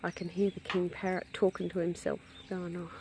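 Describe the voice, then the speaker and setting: A woman's voice: level tone, moderate pace, noisy background. Chatty woman outdoors on a farm. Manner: chatty, fond, calls to animals in a high sing-song. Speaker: hobby farm vlogger. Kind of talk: casual walk-around narration. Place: outdoors on a rural property. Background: faint birds and farm animals.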